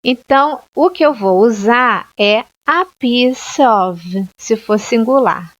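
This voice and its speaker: A Brazilian woman teaching an English lesson, explaining grammar slowly and clearly and often checking with "ok?". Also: fairly high pitch, fairly bright tone. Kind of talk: online language lesson. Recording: dull lo-fi sound.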